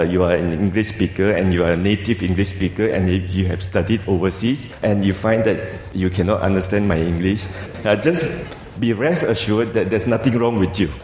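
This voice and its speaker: A Malaysian-accented man preaches an English sermon at a church camp, keeping it informal and tagging his sentences with colloquial particles like "you see" and "lah." His voice is lowish with a darkish tone. The hall is echoey, with noisy room sound.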